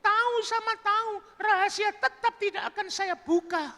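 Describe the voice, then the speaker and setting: A man voicing a coy, teasing young woman in a high squeaky falsetto, in a joking sermon story. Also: normal speed, bright, forceful tone, full character voice. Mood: coy, pleading. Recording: echoey hall.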